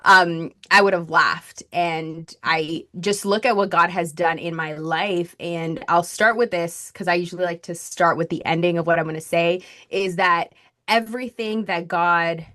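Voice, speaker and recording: Speaking low and a little slowly, with fairly even intonation and a bright, forceful tone, this Colombian woman in her thirties recounts her story on a podcast. A marketing strategist, she's chatty and nonstop, full of fillers and "likes."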